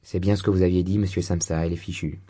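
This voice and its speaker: A man's voice: low-pitched, level tone, quick pace, dark tone, no room sound. A man voicing a blunt, suspicious young woman, a hunchbacked locksmith's apprentice, in an audiobook reading. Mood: prickly.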